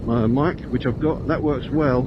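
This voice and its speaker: A man's voice: mid-range voice, fairly even intonation, moderate pace. A man chatting casually and rambling as he rides, his voice muffled and boxed in inside a helmet. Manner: rambling, thinking aloud. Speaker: motorcycle vlogger. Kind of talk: casual motovlog chat while riding. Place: inside a motorcycle helmet, riding outdoors on country roads. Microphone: helmet intercom microphone. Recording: muffled helmet intercom, loud wind and engine noise.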